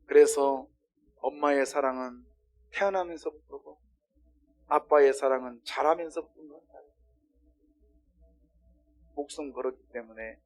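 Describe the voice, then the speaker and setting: A male pastor preaching a sermon, swinging between loud exclamations and quiet asides while questioning the congregation. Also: medium pitch, a little slow, long pauses, faint music behind.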